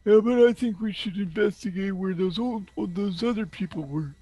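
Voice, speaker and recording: A man's voice: sits high, normal speed, warm tone, husky. A man playing a tabletop game, talking in a hesitant, stammering, folksy way. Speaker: player voicing Quincy. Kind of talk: tabletop role-play banter.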